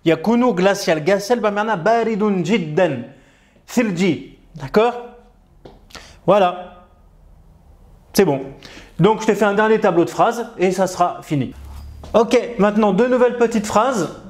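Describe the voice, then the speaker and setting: Patient slow-spoken male reading teacher. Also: high voice, a little mellow. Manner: patient, slow, sounds out syllables one by one. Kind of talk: bilingual reading lesson, French explained in Arabic.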